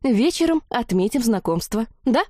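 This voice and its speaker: A brash young redhead witch, loud and high, waving things off and taking charge, as a woman reader voices her in a fantasy storybook. The pitch sits well above her own; the close sound is dry. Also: normal speed, no room sound. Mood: bossy. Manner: lively and dismissive. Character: fiery redheaded young witch, bold and bossy.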